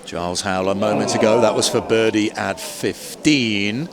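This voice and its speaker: A man commentating on live golf as a play-by-play announcer, moving between measured description and excited lifts. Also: lowish voice, noisy background. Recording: commentary over music and outdoor ambience. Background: music.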